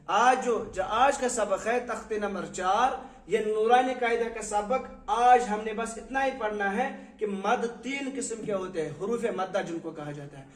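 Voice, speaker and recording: A man with a high voice leads a Quran reading lesson, stretching out each letter sound and firing questions at his pupils. He sits some distance from the microphone in a room with a strong echo. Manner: questioning, drawn-out recitation of letters. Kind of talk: classroom lesson. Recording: echoey room, mic far off.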